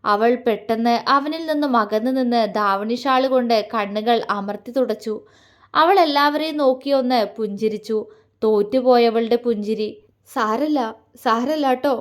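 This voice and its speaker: A woman storyteller reading a serialized love story aloud. Her narration is slow and feeling-filled, delivered in a fairly high voice.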